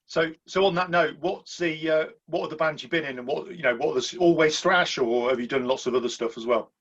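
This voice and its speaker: A man's voice: on the high side, fairly quick, fairly bright tone. A man hosting a podcast, asking a band casual questions in an informal, matey way. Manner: friendly, informal, calls people mate. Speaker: interviewer, podcast host. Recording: dull lo-fi sound.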